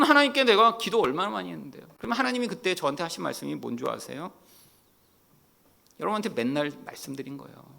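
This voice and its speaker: A man in his forties, a pastor preaching a sermon, telling his own story candidly and putting questions to the congregation, switching between loud emphatic lines and hushed near-whispers. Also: a little high, gravelly.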